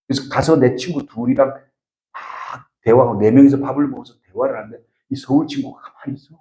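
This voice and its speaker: A man's voice: medium pitch, steady tone, fairly quick, warm tone. A man from the region, giving a lecture and telling stories while he questions the audience directly. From Gyeongsang region, South Korea. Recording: echoey lecture room.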